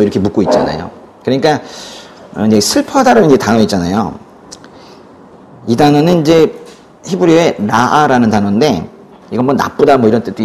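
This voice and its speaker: A male pastor preaching a sermon in an animated storytelling manner, asking the congregation questions and acting out the lines he quotes. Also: medium pitch.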